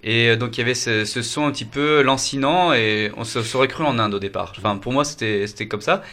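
Bright-voiced chatty male co-presenter. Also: mid-range voice, fairly quick. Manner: chatty, uses fillers, jokey. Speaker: music show co-presenter. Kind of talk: casual music review chat.

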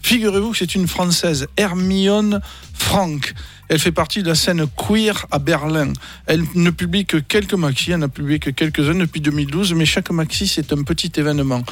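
A man's voice: a little high, moderate pace, faint music behind. A man on a radio show presenting electronic tracks, enthusiastic and full of hesitant fillers.

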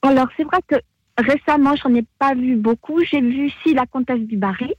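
A woman's voice: high voice, moderate pace, a little mellow, slightly rough, dry recording. A woman speaks over a muffled telephone line into a radio show. She chats informally, often hesitating and searching for words. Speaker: radio phone-in caller. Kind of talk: casual, spontaneous chat. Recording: dull telephone call into radio.

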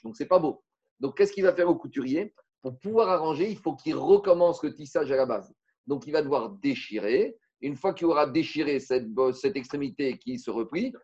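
A man's voice: fairly high pitch, a little mellow, husky, dull audio. A man teaching a Talmud class in casual French, explaining step by step, asking rhetorical questions and mixing in Hebrew terms.

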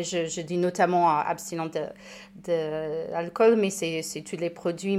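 American woman, soft hesitant testimony. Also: deep voice. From United States. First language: English. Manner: hesitant, many restarts and fillers. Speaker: guest. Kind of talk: personal testimony in conversation.

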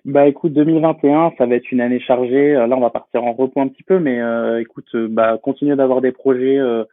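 A man's voice: medium pitch, fairly even intonation, quick pace, no echo. A young man, a guest in a casual interview, talking with many fillers, hesitations and restarts over a remote call. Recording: tinny phone-like line, dry.

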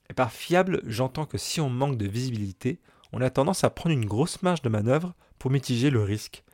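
A man hosts a solo explanatory podcast while fighting a cold. His mid-pitched voice is congested and nasal, a little duck-like. The recording is dry, with very little room sound. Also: dry recording. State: has a bad cold. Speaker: podcast host and business coach.

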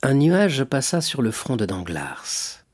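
A man narrating a classic novel aloud in a measured storytelling manner. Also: mid-range voice, sing-song, darkish tone. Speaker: audiobook reader. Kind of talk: scripted narration.

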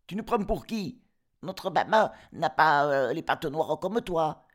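A man's voice: on the high side, lively intonation, slow, voice pushed up. A man voicing cheeky young goat kids who mock and talk back in a cocky, slangy way. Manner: mocking, cocky, slangy backtalk.

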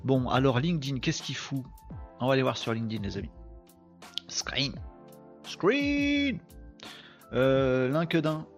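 A man with a northern French accent hosts a live podcast, rambling and joking as he chats with his viewers. His voice is gravelly with a lot of fry, at a middling pitch. Soft music plays in the background. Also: moderate pace. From northern France. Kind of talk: casual live-stream chat.

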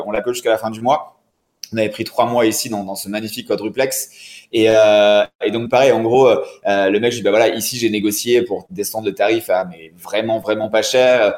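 A man's voice: mid-range voice, a little mellow. Chatty man in an echoey room. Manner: rambling, chatty, many restarts. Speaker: podcast guest. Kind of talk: casual chat. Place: apartment room.

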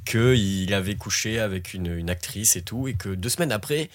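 A man's voice: fairly low pitch, moderate pace. A man chatting casually as a podcast guest, rambling through a story with many fillers. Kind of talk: casual chat.

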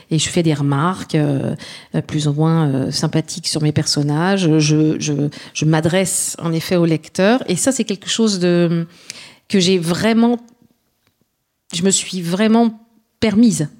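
A woman's voice: fairly low pitch, a little mellow. A woman novelist answering readers' questions about her writing, thinking aloud with many restarts and fillers.

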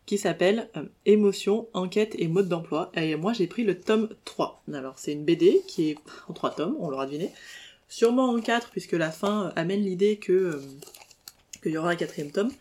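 A woman's voice: fairly low pitch, moderate pace, a little mellow. A young French woman talking casually in a solo podcast, hesitant and self-correcting, with many fillers and self-deprecating asides. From France. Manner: laughs between lines, self-deprecating. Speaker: podcast host.

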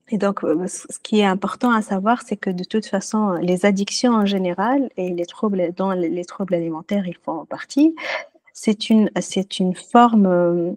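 A woman guest telling her personal story in a casual interview, earnest and reflective, often pausing to search for words. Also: medium pitch, darkish tone, no room sound, clean studio sound. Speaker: podcast guest, music therapist.

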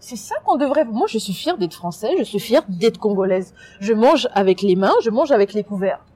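A woman from France being interviewed, talking in an emphatic, animated way with many restarts. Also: medium pitch, moderate pace, husky. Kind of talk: casual interview.

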